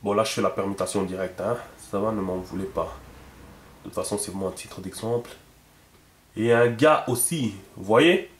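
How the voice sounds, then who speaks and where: A man's voice: on the low side, moderate pace. Chatty man teaching in an echoey room. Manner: chatty, repeats himself, many fillers. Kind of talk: casual video lesson.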